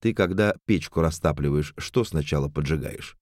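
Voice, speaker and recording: A man voicing a thoughtful man who explains things patiently and in a measured way. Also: rumbling low, darkish tone, no room sound, studio quality.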